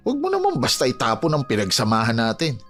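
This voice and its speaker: A man's voice: medium pitch, huge pitch swings, quick pace, fairly bright tone. An actor playing a blunt, concerned coworker who pleads with his friend. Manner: earnest, pleading, plain-spoken. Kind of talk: audio drama acting. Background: music.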